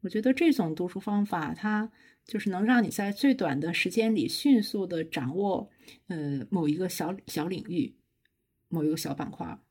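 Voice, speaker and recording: A middle-aged woman professor, a podcast guest, explaining her habits in a measured, step-by-step way. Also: on the low side, darkish tone, breathy edge. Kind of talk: casual chat.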